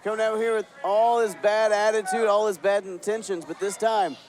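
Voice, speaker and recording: A man's voice: high-pitched, fairly even intonation, moderate pace. A man calling wrestling play-by-play, sarcastic and exasperated with his broadcast partner. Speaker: play-by-play commentator. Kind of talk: wrestling commentary.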